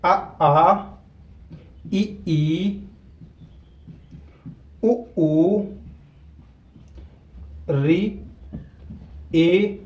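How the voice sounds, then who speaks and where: A man, teaching a grammar lesson at a whiteboard. He repeats key terms slowly and deliberately so students can keep up. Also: on the high side, darkish tone, low-quality recording.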